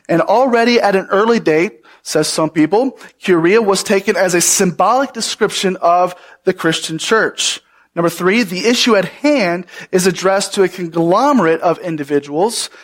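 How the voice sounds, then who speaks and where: A male pastor with a notably high voice delivers a Bible sermon. He speaks earnestly and with emphasis, often turning to the congregation with questions.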